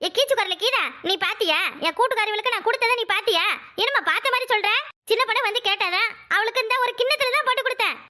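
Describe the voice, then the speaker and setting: A fiery, squeaky cartoon housewife. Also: female voice, rapid-fire. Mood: indignant. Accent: Kanyakumari Tamil. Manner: complaining, accusing, shouting. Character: fiery robbed housewife, loud and indignant. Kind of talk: cartoon voice acting.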